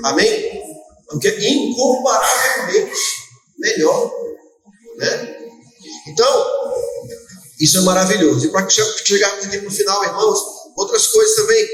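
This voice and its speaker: A man preaching a sermon at a church service, animated, moving between shouts and quiet asides. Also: high-pitched. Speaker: apostle preaching. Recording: very echoey church hall, mic at a distance.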